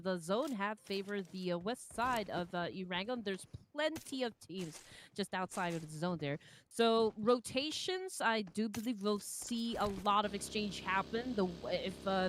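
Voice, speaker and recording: A woman calling live esports play-by-play in an energetic, hype-building way. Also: medium pitch, a little hiss or hum. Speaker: esports caster.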